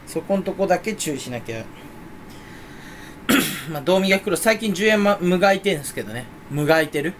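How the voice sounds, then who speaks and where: Rambling, rough-talking young man. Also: high-pitched, expressive, normal speed, slight background noise. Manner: rambling, rough casual speech. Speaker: YouTuber. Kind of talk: casual solo vlog talk.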